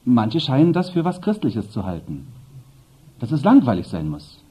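Lively, husky-voiced preacher man. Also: mid-range voice, normal speed. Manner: lively, emphatic preaching with asides to the congregation. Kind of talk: sermon. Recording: dull lo-fi sermon recording.

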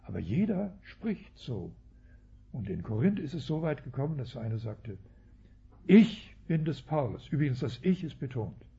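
Male preacher, very husky and gravelly, mellow dark tone, dull lo-fi recording. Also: mid-range voice, very animated, moderate pace. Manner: frequent tag "ja", self-corrections. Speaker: Bible teacher. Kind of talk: expository sermon.

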